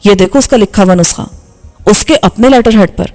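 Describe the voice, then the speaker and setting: A bitter young engineer scolds in a harsh, accusing voice, as a woman reads him for an audiobook. The pitch sits in an even middle range, with faint music underneath. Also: lightly acted. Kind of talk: audiobook dialogue reading.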